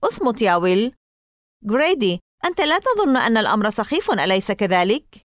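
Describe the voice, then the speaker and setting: A woman's voice: medium pitch, sing-song, brisk, no echo, studio quality, natural voice. A woman reading aloud and voicing a teasing, spooky-minded young girl in an audiobook. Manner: playful, eager, teasing.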